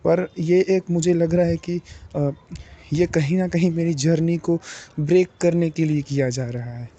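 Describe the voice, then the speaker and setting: A young man talking slowly and deliberately in a personal diary vlog, pausing often with fillers. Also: on the high side, fairly even intonation, warm tone, highs cut off. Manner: slow, deliberate, hesitant with many fillers. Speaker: vlogger.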